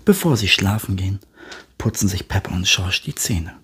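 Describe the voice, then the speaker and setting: A man reads a children's story aloud with animated delivery. His voice is very breathy and husky, and his pitch rises and falls widely. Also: moderate pace. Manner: animated, often slips into whisper. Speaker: storybook reader.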